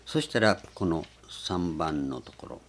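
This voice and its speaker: A man's voice: low voice, animated, measured pace, a bit bright, a little hiss or hum. A man preaching a sermon, explaining earnestly with frequent hesitations.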